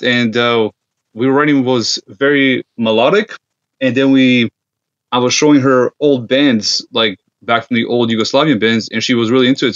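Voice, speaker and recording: A man's voice: medium pitch, fairly bright tone. A man from Serbia, guesting on a podcast in easygoing, hesitant casual chat. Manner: easygoing, many fillers and hesitations. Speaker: guest, gear company founder. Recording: dull lo-fi sound.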